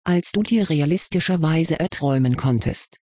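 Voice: medium pitch, animated, normal speed, warm tone, natural voice. A reader voicing a dry-witted schoolboy wizard. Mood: reasoning, dry. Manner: level-headed, lightly ironic lecturing. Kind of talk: audiobook reading of fan fiction.

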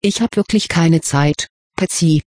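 A reader voicing a brusque, hurried young male wizard with a sarcastic, impatient way of talking, in an audiobook. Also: medium pitch, darkish tone, dry recording, studio quality, natural voice. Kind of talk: audiobook character reading.

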